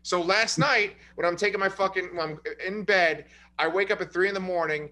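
A man with a high, brisk voice co-hosts a casual movie review podcast. He's an animated storyteller, recounting scary scenes with plenty of swearing and laughter.

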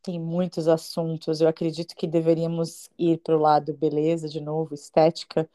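Low, mellow-voiced mother chatting. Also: completely flat delivery, normal speed. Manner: agreeable, warm affirmations, earnest reflections as a mother. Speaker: podcast co-host. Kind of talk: casual chat.

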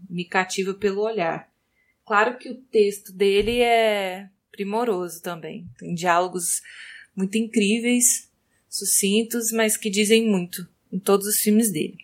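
Chatty Brazilian woman co-host. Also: mid-range voice. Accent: Brazilian Portuguese. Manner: chatty, filler-heavy, hesitant. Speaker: podcast co-host, designer. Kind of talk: casual podcast chat.

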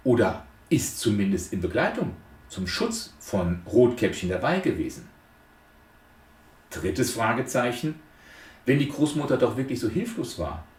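This lecturer on transactional analysis has a mid-range, somewhat dark voice. He explains a fairy tale point by point, stressing each numbered item and tossing out rhetorical questions, while the distant mic catches plenty of room echo.

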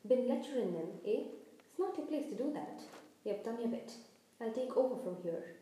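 Hagrid, gruff giant gamekeeper voiced by a woman, echoey. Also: on the high side, lively intonation, moderate pace, dark tone, a little hiss or hum, lightly acted. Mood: stern, fierce. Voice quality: growling. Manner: rustic dialect, blunt commands. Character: gruff, fierce, kindly giant male gamekeeper. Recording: echoey room, distant from mic.

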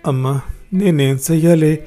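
A man's voice: a little high, moderate pace, mellow, soft background music, lightly acted. A man voicing a frightened teenage girl confiding in her mother. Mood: distressed.

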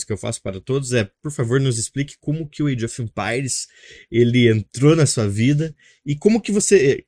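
A man hosting an interview, asking questions in a measured, somewhat hesitant way. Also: mid-range voice, no room sound, clean studio sound. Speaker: interview host.

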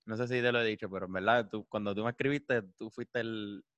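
A man with a Puerto Rican accent, co-hosting a casual podcast in a relaxed, easygoing way. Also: on the low side, a little fast, dry recording, highs cut off. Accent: Puerto Rican Spanish. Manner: laid-back, laughs often. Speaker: podcast co-host. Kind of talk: casual chat.

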